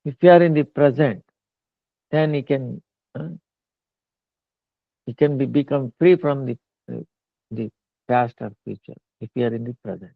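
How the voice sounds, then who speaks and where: A man giving a slow devotional discourse, pausing often with fillers. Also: medium pitch, creaky, no echo. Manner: slow halting talk with many fillers. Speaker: spiritual teacher. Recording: tinny phone-like line.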